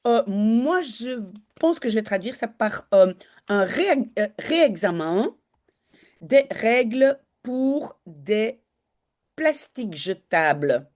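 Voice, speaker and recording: A woman's voice: a little high, lively intonation, takes it slowly, a little mellow. A woman teaching Dutch, talking learners through a news article in a chatty way, with many fillers and self-corrections.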